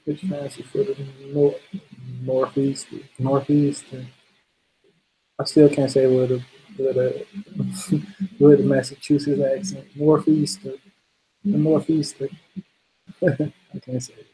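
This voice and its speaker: A man's voice: mid-range voice, level tone, measured pace, long pauses, warm tone, a little hiss or hum, low-quality recording. A man hosting a casual late-night livestream, laid-back and laughing often as he reads out viewer comments. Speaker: livestream host.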